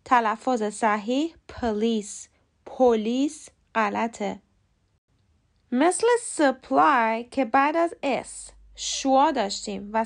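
A woman who speaks Persian as her first language hosts a podcast lesson, explaining calmly and clearly and saying model words slowly. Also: a little high. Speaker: podcast host teaching English pronunciation.

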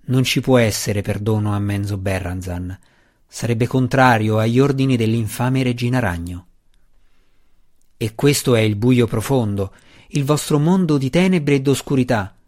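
A man doing a calm, resolute dark elf. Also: mid-range voice, moderate pace, lightly acted. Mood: defiant. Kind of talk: audiobook character reading.

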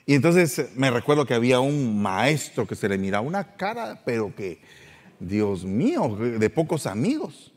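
A man's voice: mid-range voice, normal speed. Middle-aged guy spinning a funny story, voice jumps all over, echoey room. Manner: animated, playful, acts out voices. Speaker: podcast host. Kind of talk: personal storytelling.

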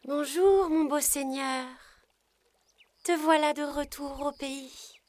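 A gentle, wise talking rose speaks in a high, airy voice, as a woman narrator puts her on. She speaks slowly and softly. It is a magical flower from a children's storybook. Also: steady tone, no room sound.

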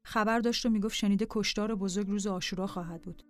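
A woman narrating a personal diary in a calm, scripted reading voice over faint music. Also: medium pitch.

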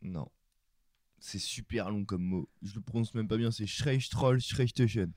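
A man's voice: on the low side, a little slow, a little mellow, dry recording, clean studio sound. A young man co-hosting a podcast, bantering and joking crudely with his friends. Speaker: podcast co-host. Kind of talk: casual chat.

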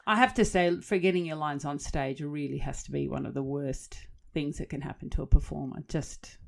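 A woman co-hosting a podcast, telling stories in lively casual chat with easy laughs and chatty asides. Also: deep voice, a little fast, gravelly. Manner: animated storyteller, laughs easily, chatty asides. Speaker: podcast co-host.

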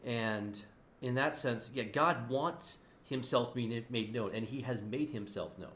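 A man's voice: mid-range voice, unhurried, a bit bright, slight background noise. A man co-hosting a casual theological discussion, explaining earnestly with frequent restarts. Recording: roomy echo.

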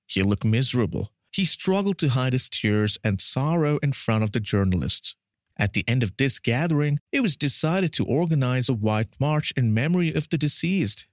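A man giving scripted true-crime narration in a solemn, measured way. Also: mid-range voice, no echo, clean studio sound.

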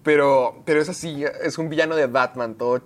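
A co-host in casual podcast chat, animated and quick to exclaim in disbelief. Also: mid-range voice.

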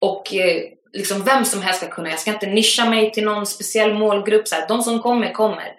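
A woman guest on a podcast, telling stories in a casual, animated way, full of fillers. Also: medium pitch. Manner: animated storytelling with frequent fillers. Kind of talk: casual conversation. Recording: roomy echoey room.

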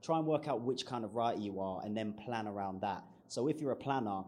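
A man's voice: on the low side, a little fast, a little mellow, a little hiss or hum. Laid-back man with casual slang. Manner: informal, uses slang like "innit" and "ain't". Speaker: panellist. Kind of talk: live panel discussion.

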